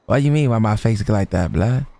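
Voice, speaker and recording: Brief: young male streamer, lively swooping pitch, dry close sound, laughing trolling slang. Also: a little fast, vocal fry, no room sound. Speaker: roleplay streamer. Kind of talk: in-character roleplay banter.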